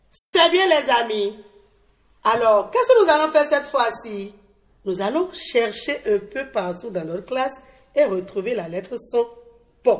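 A woman teaching young pupils on a televised lesson, speaking slowly and encouragingly in a studio classroom. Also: on the high side. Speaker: primary school teacher.

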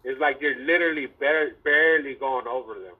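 A man's voice: mid-range voice, fairly quick, a loud crowd. A man chatting casually like a frat bro, in loose slang with heavy swearing. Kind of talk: casual chat. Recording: tinny, narrow phone-like sound.

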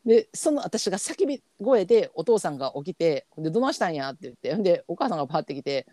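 A woman's voice: lowish voice, sing-song, quick pace, warm tone, no room sound, clean studio sound. A woman with a Kansai accent, co-hosting a casual podcast chat and telling a story animatedly, acting out what her family said. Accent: Kansai Japanese. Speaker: podcast co-host.

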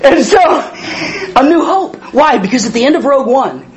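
Speaking at a moderate pace with lively intonation, this fiftyish man has a very high voice, captured on poor audio. He preaches to his congregation in an emphatic, conversational way, his breath wheezy from an old tracheotomy, circling back to key phrases and questioning the crowd.

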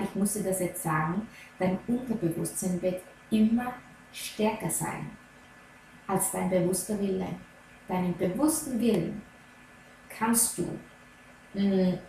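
A woman coaching on Ayurveda, talking gently and earnestly straight to the listener. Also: mid-range voice, a little hiss or hum. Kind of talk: slow advice talk to viewer. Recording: very echoey room, faint ambience.

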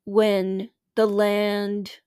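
A woman hosting a spiritual podcast speaks slowly and gently, letting phrases trail softly, sometimes almost to a whisper. Her voice sits at a middle pitch. The sound is close and dry, with no room around it. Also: completely flat delivery, clear, resonant tone, no room sound. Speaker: podcast host and spiritual teacher. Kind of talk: slow reflective podcast talk.

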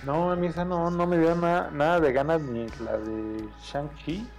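A man from Mexico with a Mexican accent, a guest on a casual podcast, talking in a relaxed way and giving examples. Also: a little high, unhurried, faint music behind. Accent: Mexican Spanish.

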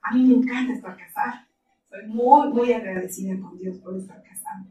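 A woman's voice: mid-range voice, fairly quick, a little hiss or hum. A middle-aged woman in ministry tells stories animatedly and laughs easily. She sits some way from the microphone. The room is echoey, with faint ambience underneath. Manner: animated storytelling, laughs often. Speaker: ministry leader. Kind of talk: interview conversation. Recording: roomy, distant mic, faint ambience.

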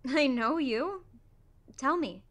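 A woman voicing a kind young girl in an audio drama, gentle and coaxing. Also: sits high, expressive, takes it slowly, heavily acted.

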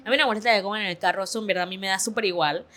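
A woman in casual conversation with friends, chatting and telling stories about family squabbles. Her voice sits in an ordinary middle range, relaxed and conversational, quick to jump back into her story. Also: medium pitch. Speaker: podcast host. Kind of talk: casual chat among friends.

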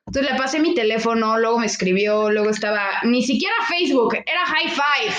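A young woman with a Mexican accent chats on a podcast. Her high voice is expressive and slangy. The recording is echoey. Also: brisk. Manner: expressive, slangy, laughing storyteller. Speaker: podcast co-host. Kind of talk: casual chat.

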